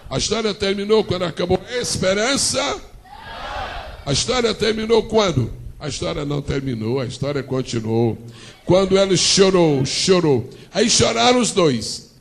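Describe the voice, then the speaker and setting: A man's voice: high-pitched, moderate pace, vocal fry. A male pastor with a Brazilian accent, preaching a sermon as a dramatic story and calling on the congregation to answer. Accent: Brazilian Portuguese. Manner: dramatic storytelling with call-and-response.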